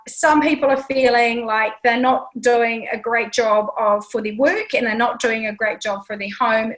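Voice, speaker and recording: Chatty higher-voiced New woman host. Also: a bit bright, low-quality recording. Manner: chatty, lots of ums and restarts. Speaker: talk show host. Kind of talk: casual interview chat.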